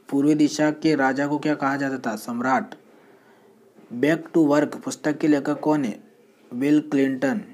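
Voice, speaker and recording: With a steady mid-range voice, a man hosts a general knowledge quiz, reading out each question and answer and restarting briefly now and then.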